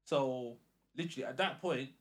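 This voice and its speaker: A man with a London roadman accent, casually telling an animated story in slang and acting out the dialogue. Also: medium pitch, normal speed. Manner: slangy, acts out quoted dialogue.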